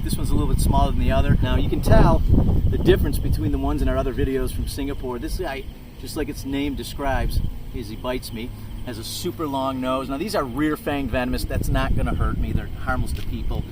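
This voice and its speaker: A man hosting a wildlife vlog, talking to viewers in an informal, enthusiastic, slangy way as he presents animals he finds. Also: medium pitch. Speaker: host of a wildlife video series. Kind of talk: excited outdoor vlog narration to viewers. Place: outdoors at night, in the field in and around a city. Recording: outdoor night recording with insect and traffic noise.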